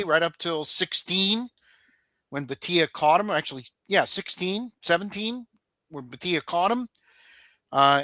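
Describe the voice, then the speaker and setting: A man hosting a casual sports talk show, recapping results in a relaxed, conversational way with fillers, over a podcast microphone. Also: fairly high pitch, dry recording.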